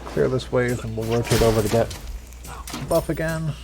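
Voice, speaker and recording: A man giving casual, hesitant gameplay commentary as a streamer, low-key and self-deprecating. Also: normal speed. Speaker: game streamer. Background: game music and effects.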